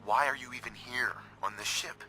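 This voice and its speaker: An actor playing a bewildered soldier as the player character in a video game, asking questions. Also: male voice, mid-range voice, normal speed, bright, forceful tone, a little hiss or hum, low-quality recording. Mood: puzzled.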